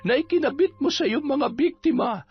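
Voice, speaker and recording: A performer playing a stern old folk healer who gives deliberate, threatening commands. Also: high voice, highs cut off. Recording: band-limited audio with music behind.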